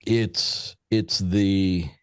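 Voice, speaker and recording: A man talks casually on a podcast panel at a slow pace. His voice is on the low side, and the sound is close and dry. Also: steady tone, clean tone, no echo. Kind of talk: casual chat.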